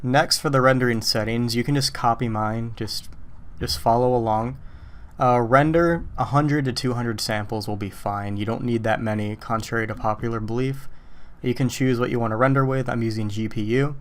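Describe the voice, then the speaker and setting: A man's voice: medium pitch, normal speed. Casual male tutorial host, voice a bit worn, talks while working, keys clacking behind. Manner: casual, relaxed, talks through steps as he works. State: losing his voice. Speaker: software tutorial instructor. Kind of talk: screen-recorded tutorial walkthrough.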